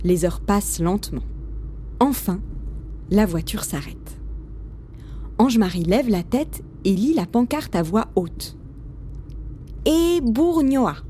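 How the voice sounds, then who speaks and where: A woman narrating a children's storybook with an expressive, lively reading. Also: mid-range voice, a little slow, pauses often, a little hiss or hum.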